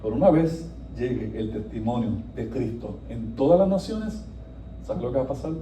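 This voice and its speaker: A male pastor preaching a sermon with animated delivery, swinging between soft passages and emphatic, rising lines. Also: mid-range voice, normal speed, a little hiss or hum. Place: church sanctuary. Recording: echoey room, voice from a distance.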